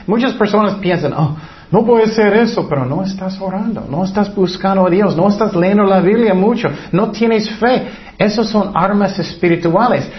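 High, lively male preacher, lo-fi sound. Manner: animated, acts out quoted voices, asks rhetorical questions. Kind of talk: sermon. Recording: dull lo-fi recording.

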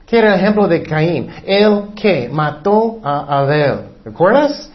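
A man preaching a sermon, firing rhetorical questions and answering them himself, and reading Bible verses slowly. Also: high voice, very animated. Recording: dull lo-fi recording.

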